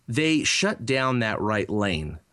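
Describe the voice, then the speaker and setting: A man's voice: lowish voice, big pitch swings, slow, fairly bright tone, dry recording. A man in his thirties co-hosting a podcast, telling a rambling story in a casual chat, full of fillers and restarts. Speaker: podcast co-host.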